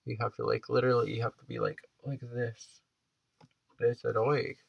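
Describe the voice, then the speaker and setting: A man's voice: mid-range voice, fairly even intonation, normal speed, gravelly, dry recording, muffled recording. A 21-year-old man chatting casually in a vlog, rambling and hesitant, with the stuffed-up nasal sound of a blocked nose. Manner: hesitant and rambling, heavy use of "like". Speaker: vlogger.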